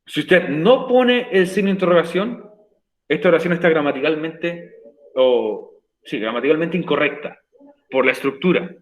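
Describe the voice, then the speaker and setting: Emphatic male English teacher, higher voice. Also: normal speed, low-quality recording. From Chile. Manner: patient, repeats points for emphasis. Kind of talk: recorded online class explanation.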